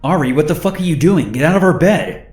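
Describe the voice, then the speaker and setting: A man voicing an angry young woman yelling, shrill and startled. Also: expressive, fast talker, echoey room, lightly acted. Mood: furious.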